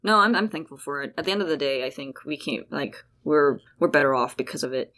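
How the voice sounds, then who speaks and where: Fast and animated, a young South African woman with a deep, fairly bright voice guest-hosts a casual sisters' chat. She rambles chattily, restarting often and filling her speech with "like" and other fillers.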